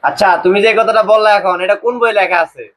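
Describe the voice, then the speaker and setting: A man's voice: high voice, fairly even intonation, fast, background noise, lightly acted. A man playing a short-tempered male job interviewer who scolds a candidate in a comedy sketch. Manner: scolding, rough-spoken.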